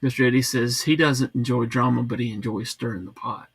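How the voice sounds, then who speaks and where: A man's voice: medium pitch, fairly even intonation, brisk, gravelly, breathy edge, dry recording. A man hosting a casual live chat, reading out viewer comments and rambling along with plenty of fillers and restarts from home.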